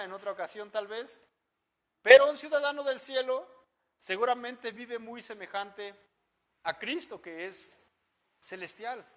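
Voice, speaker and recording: A man preaches a sermon in a very high voice. His tone is bright and ringing. He keeps putting questions to the congregation and answers them himself, swinging from loud to soft. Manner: shifts loudness a lot. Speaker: pastor.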